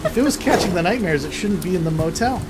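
A woman's voice: fairly low pitch, lively intonation, fast. A woman co-hosting a game playthrough with wry, sarcastic, joking casual commentary. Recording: clear noise and game sound behind.

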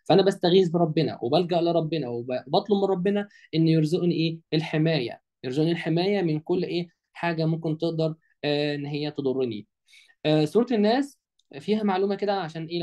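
A man with an Egyptian Arabic accent teaching an online Quran lesson. He quizzes his listeners with prompting questions and stretches words out slowly to show how they are pronounced. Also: a little high, darkish tone. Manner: drawls words slowly to demonstrate pronunciation.

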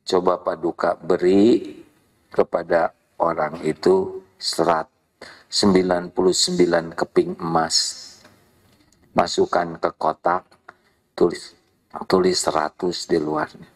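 Calm wise court advisor, male preacher puts him on, low, measured. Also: heavily acted, rough recording.

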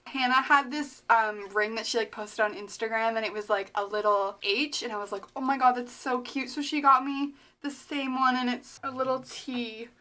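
A woman's voice: a little high, steady tone, moderate pace, hardly any pauses, pushed and bright, slight background noise. Gushing young woman unboxing a package. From Canada. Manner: gushing, breathless, lots of likes and oh my gods. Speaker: vlogger. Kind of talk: excited unboxing vlog.

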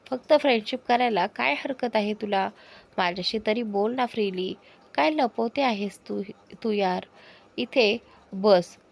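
A lively young woman in a storybook romance, the heroine's loyal best friend, who teases and bosses people around, as a woman narrator plays her. Her voice sits fairly high. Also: vocal fry. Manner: teasing, bossy. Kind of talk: storybook character voice.

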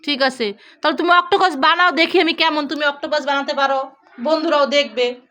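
High, bright-voiced vlogging mom. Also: female voice, steady tone, a little fast. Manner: coaxing, teasing, talks to viewers. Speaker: mother and vlogger. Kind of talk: casual family vlog.

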